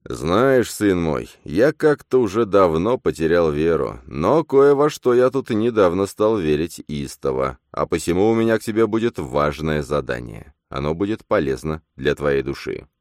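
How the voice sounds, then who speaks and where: A man's voice: low voice, lively intonation, moderate pace, few pauses, darkish tone, dry recording, clean studio sound. A man voicing a sly, scheming sect priest who speaks in a coaxing, unctuous way. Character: sly middle-aged male sect priest, smooth and scheming.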